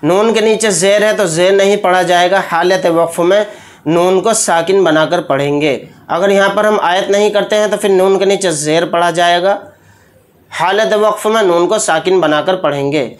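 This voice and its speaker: A man teaching Quran recitation rules, explaining each sound slowly and deliberately, then chanting the verses in long drawn-out tones. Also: high-pitched. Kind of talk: tajweed lesson. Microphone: close mic, speaking while pointing with a pen.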